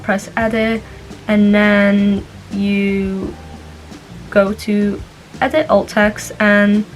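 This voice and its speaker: A woman's voice: mid-range voice, a little hiss or hum, rough recording. A young woman giving a casual tutorial in an informal, chatty way, with asides. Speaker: vlogger. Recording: music playing behind the voice. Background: background music.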